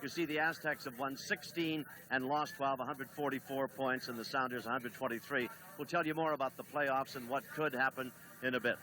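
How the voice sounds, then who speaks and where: A man calling a late-1970s televised soccer match as play-by-play announcer, briskly reading standings, lineups and notices. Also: mid-range voice, rough recording. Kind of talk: 1970s TV sports broadcast. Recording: old TV broadcast with steady noise.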